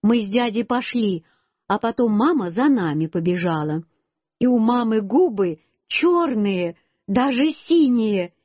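A woman reads a children's story aloud in a slow, expressive, childlike telling. Her voice sits a little high, and the recording is dry and muffled, with no room sound. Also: no room sound.

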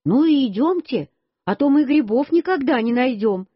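A woman's voice: high voice, expressive, moderate pace, husky, no echo, voice pushed up. A woman voicing a kindly grown uncle who teases and explains patiently, in a storybook reading. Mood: teasing. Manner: cheerful, teasing, explaining patiently. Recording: dull lo-fi dry recording.

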